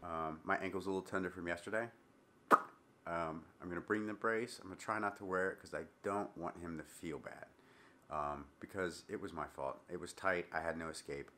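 A man's voice: low-pitched, moderate pace. A man in his thirties filming his own casual vlog with a handheld camera at arm's length, rambling with lots of ums. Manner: rambling, relaxed, many ums. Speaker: vlogger. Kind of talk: casual self-filmed vlog. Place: hotel room and parked car. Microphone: handheld action camera at arm's length.

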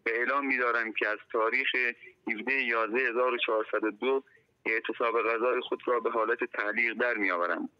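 A man from Iran leaving a voice message over a prison phone line, reading a formal statement in a solemn, measured way. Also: mid-range voice. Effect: voice message left over a prison phone line. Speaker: imprisoned teacher making a statement.

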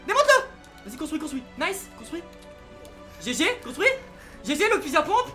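Young french guy on his gaming channel, screaming and teasing, super bright and fast, music faintly under. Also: very high-pitched, big pitch swings. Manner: hyper, yelling, teasing, repeats himself. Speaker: gaming YouTuber. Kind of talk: excited gaming vlog with sibling.

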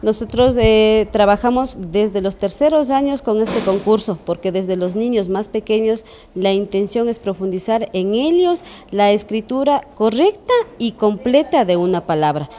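A woman's voice: mid-range voice, lively intonation, normal speed, warm tone. A woman answering interview questions as a school coordinator into a handheld microphone indoors. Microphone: handheld reporter microphone. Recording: clear background room noise.

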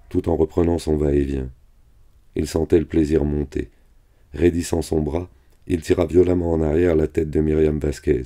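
Male reader with an extremely deep, dark voice, flat and steady, reading a novel aloud.

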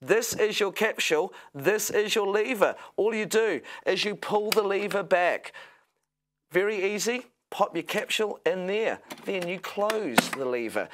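Higher-voiced male home shopping host. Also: lively intonation, unhurried, a bit bright. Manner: upbeat sales patter, step-by-step explaining. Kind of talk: home shopping product demonstration. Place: TV studio kitchen set, indoors.

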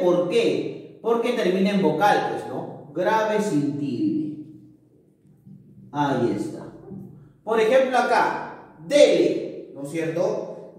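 A male teacher with a high voice gives a slow, patient lesson, checking in with his class again and again. The room is very echoey and he stands back from the mic. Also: darkish tone, recorded from a distance. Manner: explains patiently, keeps asking "¿no es cierto?".

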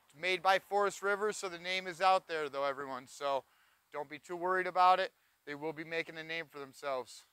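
On an outdoor lot, a forties-aged trailer reviewer walks through and around a cargo trailer, eagerly pointing things out on his tour of the camping trailer. His voice sits on the high side and comes out fairly quick, pushed and bright, with a clear, resonant tone, captured dry on a lapel mic.

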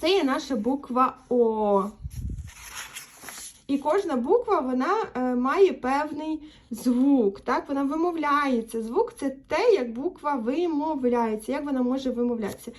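A woman's voice: high-pitched, expressive, measured pace. A young woman teaching the alphabet to children, patient and encouraging, drawing out each vowel for them to repeat. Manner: gentle, encouraging address to children.

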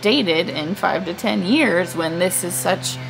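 This young adult family vlogger talks slowly in a fairly low voice with vocal fry, rambling and thinking out loud to camera from her front porch. The handheld camera records close up, and the low-quality audio has music in the background.

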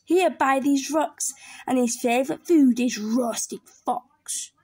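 A woman voicing a small, clever, boastful mouse with a bright, cheeky manner. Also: sits high, slow, slightly rough, heavily acted. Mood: sly.

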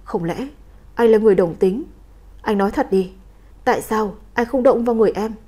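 A woman's voice: mid-range voice, fairly quick, mellow, close to an everyday voice. A woman voicing a clingy, sweet-talking young fiancée in a storybook reading, with a coaxing, whiny way of speaking. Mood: aggrieved.

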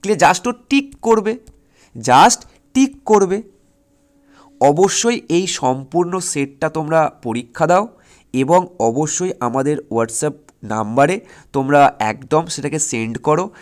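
Slow and expressive, with a fairly high pitch, a man from West Bengal, India prepares school students for exams. His style is directive and emphatic; he repeats instructions and checks whether they follow.

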